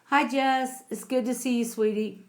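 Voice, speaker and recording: A woman's voice: a little high, fairly even intonation. A woman hosting a casual livestream, chatting with viewers and calling them sweetie and honey. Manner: slow, homey, calls viewers sweetie and honey. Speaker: livestream host reading chat.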